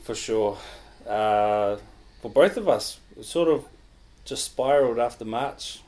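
A man's voice: mid-range voice, slow pace, dark tone. A man chats as an interview guest, explaining his work in an easygoing, hesitant way. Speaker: guest, public health worker. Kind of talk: casual interview conversation.

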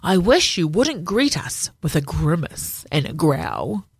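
A woman voicing a gentle male jellyfish who chides the fish. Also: low voice, big pitch swings, slow pace, slightly rough, dry recording, studio quality, full character voice. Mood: chiding.

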